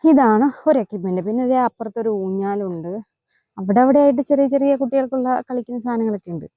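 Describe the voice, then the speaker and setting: A woman's voice: fairly high pitch, quick pace, mellow, no room sound. A young woman from Idukki with an Idukki Malayalam accent, chatting enthusiastically in a vlog from an outdoor nature park. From Idukki, Kerala. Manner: chatty, enthusiastic, talks to her child between remarks. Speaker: vlogger. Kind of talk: casual vlog talk.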